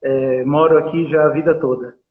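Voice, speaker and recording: A man with a Paulistano accent and a fairly high voice talks hesitantly, filling pauses and tagging questions. He comes through a tinny, phone-like video call line. The chat is relaxed and unscripted. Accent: Paulistano Brazilian Portuguese. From São Paulo, Brazil. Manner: hesitant, many fillers and tag questions. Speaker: poet being interviewed. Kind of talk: casual interview over a video call.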